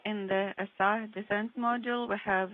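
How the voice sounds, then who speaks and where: A woman's voice: medium pitch, fairly even intonation, moderate pace. A woman interpreting radio calls in clipped, procedural phrasing, heard over a narrow comms line that keeps breaking up. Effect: narrow, noisy comms line breaking up. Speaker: interpreter on a space mission audio loop. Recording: tinny, hissy comms loop.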